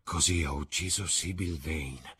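A man with a husky voice voicing an impulsive, anguished young man in an audiobook reading, sobbing and crying out in despair. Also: fairly low pitch, very animated, slow, voice pushed up, exaggerated voice. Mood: self-reproaching. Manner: cries out, breaking into sobs.

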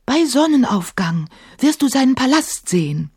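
A sentimental, contrite genie from a bottle , performed by a woman narrator, hushed to a secretive whisper. His voice sits high and breathy. He speaks with a lively, swooping pitch. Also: normal speed, exaggerated voice. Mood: solemn. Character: sentimental, apologetic male genie living in a bottle. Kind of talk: radio drama reading.

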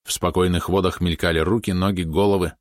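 A male audiobook narrator with a low voice and a steady, even storytelling delivery. The sound is dry and close, with no room echo. He reads with scripted care. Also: quick pace.

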